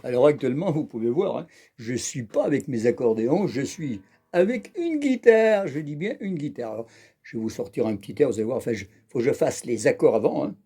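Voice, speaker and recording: A man's voice: mid-range voice, lively intonation, a little fast, mellow. A man hosting an accordion channel, chatting to camera while strumming a guitar, jokey and bawdy, peppering his talk with little fillers. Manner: jokey, chatty, keeps adding "hein" and "incroyable"; bawdy, teasing storyteller.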